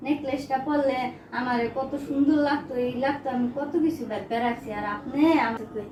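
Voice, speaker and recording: A woman's voice: sits high, a little fast, natural voice. A woman playing a greedy young wife nagging about a necklace in rustic speech. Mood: demanding. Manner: whiny, nagging dialect speech. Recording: echoey room, far from mic, clear background noise.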